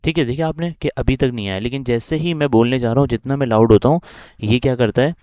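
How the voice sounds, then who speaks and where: A man's voice: medium pitch, fast talker, mellow, no room sound, clean studio sound. A man with a Pakistani accent teaching a coding lesson while recording his screen, walking through each step and often checking in with the listener.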